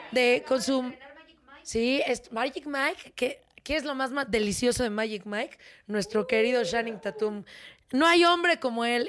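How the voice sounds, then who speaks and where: A young woman with a Mexican Spanish accent hosting an entertainment segment, teasing and animated, tossing English words into her chat. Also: on the high side. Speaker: entertainment show host. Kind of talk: playful showbiz chat.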